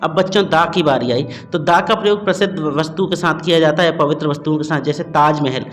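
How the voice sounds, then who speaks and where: A man's voice: on the high side, a little fast. A man teaching a grammar lesson, explaining step by step to students and checking understanding often. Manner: addresses students as "bachcho".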